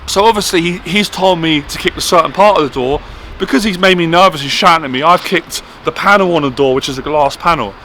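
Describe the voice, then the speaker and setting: A man tells a story from his own life in a loose, chatty monologue, often tossing in "right?". His voice sits a little high and sounds bright and forward. A faint hum of traffic comes from outdoors. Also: a little fast. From Ireland. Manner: chatty, keeps asking "right?". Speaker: vlogger sharing a personal story.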